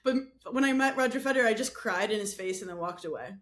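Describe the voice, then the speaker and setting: A young adult woman, a podcast guest chatting casually, telling stories in an animated, self-mocking way. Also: medium pitch, quick pace. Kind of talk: casual chat.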